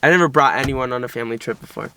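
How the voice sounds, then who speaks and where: A man's voice: mid-range voice, racing, pushed and bright, a little hiss or hum. A young man chatting casually with his girlfriend in a couple's vlog, rambling with lots of "like". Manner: chatty, nervous-sounding recounting, frequent "like". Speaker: vlogger, boyfriend.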